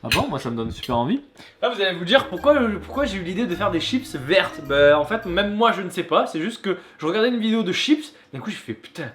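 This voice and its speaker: A man chatting casually to camera in a cooking vlog, excitable and playful, often repeating words in a slangy, mock-boastful way. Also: high-pitched, quick pace. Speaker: vlog host and amateur cook.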